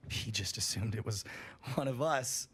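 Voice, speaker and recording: A man's voice: normal speed, fairly bright tone, slight background noise. A man on a livestream reading a horror story aloud in a casual, profane way, his voice rising at the tense parts. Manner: casual and profane, rises in pitch at tense moments.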